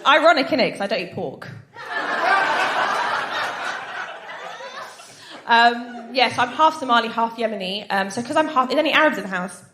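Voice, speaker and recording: A woman's voice: fairly high pitch, expressive, fast talker, hardly any pauses, crowd noise. A woman doing live stand-up, chatty with the audience and given to snorting giggles. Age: 20s. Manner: giggles and snorts while laughing; chatty, addresses the audience with frequent tag questions. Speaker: stand-up comedian. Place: stage at a live comedy night. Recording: echoey live venue with background noise.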